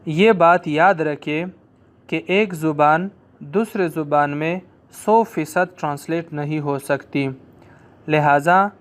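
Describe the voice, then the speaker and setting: A man with an Urdu accent teaching a language lesson, explaining slowly and repeating phrases for students to drill. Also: a little high, clear, resonant tone.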